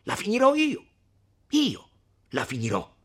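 A man voicing a hot-tempered young man in a storybook reading, shouting fiercely in a high, strained voice. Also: sing-song, a little slow, husky, full character voice. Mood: furious.

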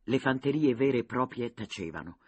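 A man narrating an audiobook in a steady storytelling manner. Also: mid-range voice, normal speed, husky, no room sound.

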